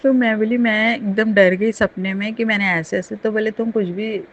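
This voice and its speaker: A woman's voice: mid-range voice, fairly even intonation, moderate pace, highs cut off, a little hiss or hum. A middle-aged woman sharing a devotional testimony with her congregation, earnest and emotional, with many restarts and fillers.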